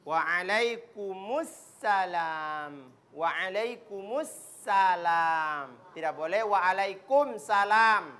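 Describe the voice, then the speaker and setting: A woman's voice: a little high, bright, forceful tone. A woman teaching recitation, drawing out syllables and correcting her pupils in a call-and-response drill. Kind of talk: classroom pronunciation drill. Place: broadcast studio classroom.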